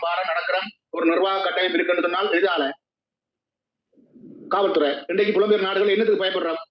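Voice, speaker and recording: A man arguing at length as host of a live stream discussion. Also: high-pitched. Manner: argumentative, explaining at length. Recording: dull lo-fi live stream audio.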